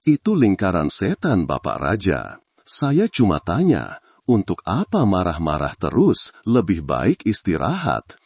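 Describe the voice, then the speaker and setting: A man's voice: low-pitched, wildly swooping pitch, darkish tone, husky, no echo, exaggerated voice. A man narrating a storybook voices a humble old village man over sixty who talks politely and plainly. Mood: calm, plain. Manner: polite, plain-spoken, unhurried.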